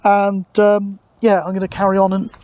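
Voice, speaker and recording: A British vlogger and CB radio operator chats easily and colloquially on a grassy hilltop, his high voice completely flat at normal speed. The tone is a little mellow, clear and resonant, with no room sound, though the recording is muffled.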